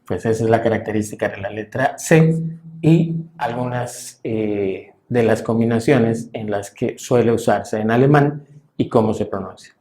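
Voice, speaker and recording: A man teaching a language class, explaining patiently and slowly, with frequent "eh" fillers. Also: lowish voice, warm tone. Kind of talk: classroom lesson.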